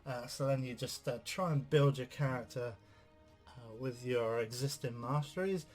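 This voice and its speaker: A man's voice: medium pitch, normal speed, a little mellow, faint music behind. A man giving casual let's-play commentary on a game, rambling with lots of filler sounds. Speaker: game reviewer.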